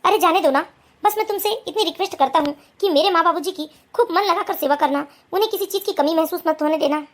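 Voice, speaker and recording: A woman voicing a calm, dutiful young husband in a cartoon, lowering her voice and speaking firmly. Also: fast talker. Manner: calm, firm, lower put-on voice.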